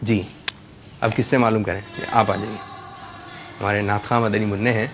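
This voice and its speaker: A man's voice: on the low side, flat delivery, noisy background. Patient male quiz host, slightly muffled. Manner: patient, corrects and repeats answers slowly. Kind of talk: hosting a religious quiz with children.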